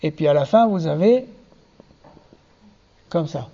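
A man's voice: on the high side, expressive, slow pace, gravelly, dark tone, highs cut off. A man teaching a Hebrew reading lesson to a class, patiently spelling out letters and syllables one by one.

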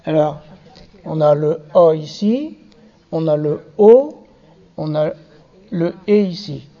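A man's voice: a little high, animated, slow, mellow, dull audio. A man teaching a Hebrew reading lesson to a class, patiently spelling out letters and syllables one by one.

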